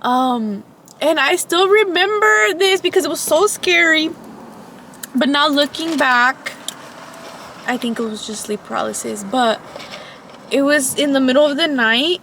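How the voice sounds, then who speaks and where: A young woman with a high voice tells a scary story among friends, rambling and stopping to correct herself. Faint noise hums under the recording. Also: animated, a little slow, fairly bright tone. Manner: rambling, restarts and corrects herself, laughs at her own telling. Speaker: co-host. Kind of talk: casual chat, telling a scary story.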